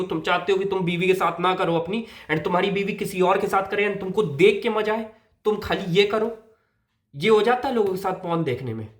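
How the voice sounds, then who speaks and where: A young man from India lectures his viewers in a casual, blunt way, slipping English phrases into his talk. His voice sits a little high. The room around him gives off a clear echo. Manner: blunt, preachy, talks straight at the viewer, mixing in English. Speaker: men's health creator. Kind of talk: casual advice vlog. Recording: roomy echo.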